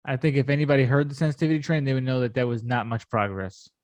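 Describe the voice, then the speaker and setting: A man's voice: medium pitch, steady tone, very fast, darkish tone, no room sound. A man co-hosting a podcast, trading teasing, wry banter in casual chat. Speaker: podcast co-host.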